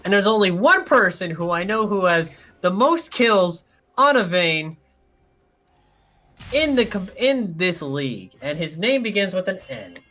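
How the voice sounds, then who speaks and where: A man calls a live esports match play-by-play with a high, bouncy voice that leaps all over the place. He is excitable and jokey, drifting into rambling asides. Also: a little slow. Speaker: esports caster.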